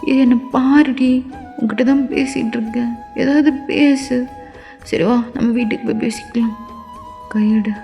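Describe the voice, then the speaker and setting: A woman's voice: a little high, steady tone, normal speed, vocal fry, pauses often, mellow, soft background music. A woman voicing a remorseful, hot-tempered young husband who begs his wife tearfully in a fan-made audio story. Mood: pleading. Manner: tearful begging.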